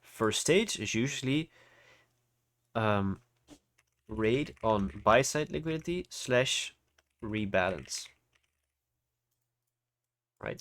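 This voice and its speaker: A gravelly, lowish male voice narrates a casual live trading tutorial on an online livestream. The host, congested from hay fever, explains in an informal way. He often checks whether listeners are following.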